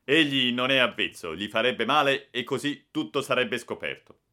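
Man doing an anxious older schoolboy, hurried and urgent, loud bright voice. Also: mid-range voice, expressive, voice pushed up.

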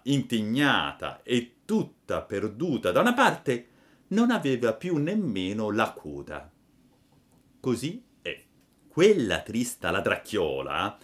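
A man narrating a classic children's story, unhurried and expressive. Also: mid-range voice. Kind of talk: storybook reading.

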